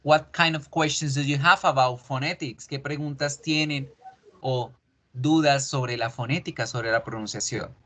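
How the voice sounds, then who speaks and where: A male English teacher walks his students through pronunciation at a very slow, deliberate pace. He drags out each drill word and says it again and again, so every sound can be heard. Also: mid-range voice, steady tone, fairly bright tone. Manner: slow, drawn-out repetitions of sounds and words. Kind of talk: online class lecture on pronunciation.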